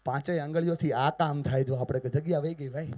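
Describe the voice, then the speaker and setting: A man with a Gujarati accent from Surat, giving a motivational speech to a family gathering, theatrical, calling out to the audience for replies and swinging from hushed to loud. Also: a little high, steady tone, quick pace. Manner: theatrical, call-and-response with the audience, big swings in loudness. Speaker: motivational speaker. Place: large hall with a live audience.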